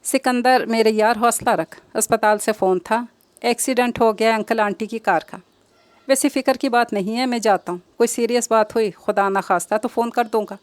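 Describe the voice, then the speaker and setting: A woman's voice: fairly high pitch, fairly even intonation, no echo, close to an everyday voice. A woman voicing a loyal male friend who speaks in a soothing, coaxing way. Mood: consoling.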